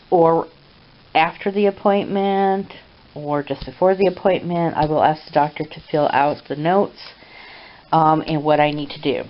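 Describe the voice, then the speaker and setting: A woman talking in a casual home vlog, halting, with many pauses and fillers, recorded indoors at home on a camera mic. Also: low-pitched. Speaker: vlogger. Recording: dull lo-fi home video with hiss.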